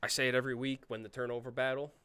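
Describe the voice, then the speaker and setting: A man's voice: medium pitch, level tone, racing, fairly bright tone, clean tone, no room sound. A man with a mid-range voice gives confident, stats-heavy football breakdowns on a casual podcast. The recording is close and dry. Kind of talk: casual sports analysis.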